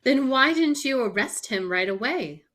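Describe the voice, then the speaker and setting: A woman's voice: high voice, animated, moderate pace, a bit bright. A woman playing an outspoken, sardonic female sidekick in an old-time radio mystery, with folksy exclamatory delivery. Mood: sardonic, challenging.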